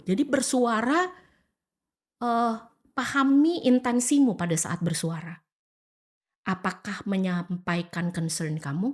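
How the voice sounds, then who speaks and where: A woman from Indonesia, a podcast guest giving casual advice. She talks in an animated way, acts out quoted lines of dialogue, and mixes English phrases into her speech. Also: fairly low pitch.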